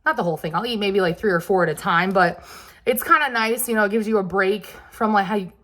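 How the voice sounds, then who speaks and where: Quick and fairly bright, a medium-pitched woman with a Southern US accent chats about the groceries she's showing off. Allergies leave her sniffly, and she's hot and sweaty. Her vlog talk rambles along with loose fillers and asides.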